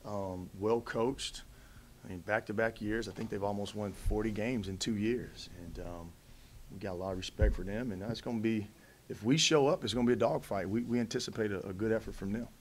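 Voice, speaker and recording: Casting: low-voiced male coach in his 30s, calm and measured post-game answers, table mic, faint background hiss. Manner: measured, many fillers and restarts. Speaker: head basketball coach. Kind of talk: post-game press conference. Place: press conference room in front of a backdrop. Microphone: table mic in front of him.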